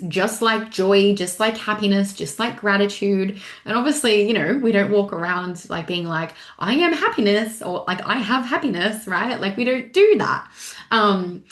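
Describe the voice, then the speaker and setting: A young adult woman coaching in a casual, animated way, with lots of fillers like "like" and "right". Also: mid-range voice. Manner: casual, filler-heavy with frequent "like", animated retelling. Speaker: mindset coach. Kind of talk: motivational talk. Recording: echoey room.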